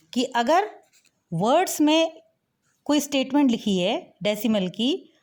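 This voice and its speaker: Woman maths teacher, fairly high voice, patient step-by-step explaining, asks questions as she goes.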